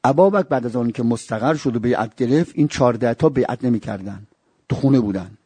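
A man preaching a religious sermon, telling stories and breaking into high wailing cries and chanted verses. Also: animated, warm tone, slightly rough, no room sound. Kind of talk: Shia religious sermon with storytelling.

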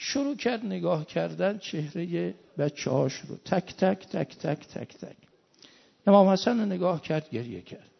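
A man's voice: sits high, lively intonation, creaky, slightly rough. A man preaching a mourning sermon, telling the story in an impassioned way. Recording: dull lo-fi recording.

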